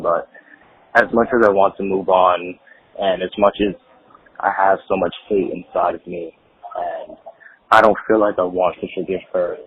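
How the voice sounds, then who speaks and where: A man with a very deep voice leaves a halting, hesitant voicemail. The sound is tinny like a phone line. A faint hiss runs behind him. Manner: halting and hesitant, many ums. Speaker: caller leaving a voicemail. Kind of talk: emotional personal voicemail.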